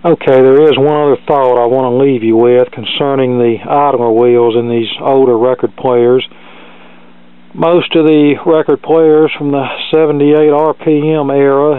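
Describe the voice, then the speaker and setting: In a cluttered electronics workshop, a hobbyist shows off a hands-on repair with a relaxed, matter-of-fact explanation and a dry sense of humor. His mid-range voice has a clean tone, with no room sound. The camera mic makes it sound muffled and narrow, like a phone line.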